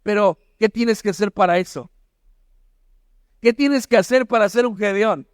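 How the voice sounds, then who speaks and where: A middle-aged male pastor preaching a sermon, emphatic, with rhetorical questions and bursts of shouted exhortation. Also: high-pitched, moderate pace, no echo, studio quality.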